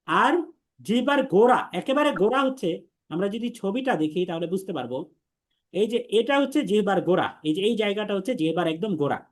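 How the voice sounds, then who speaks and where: Leading drills in an online Arabic letters class, a high-pitched male Quran teacher patiently and slowly repeats the sound of each letter.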